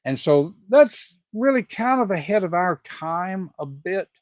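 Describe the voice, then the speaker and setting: A man's voice: high-pitched, lively intonation, a little slow, dry recording, studio quality. Older Southern man hosting an interview. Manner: conversational, thinking aloud. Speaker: host.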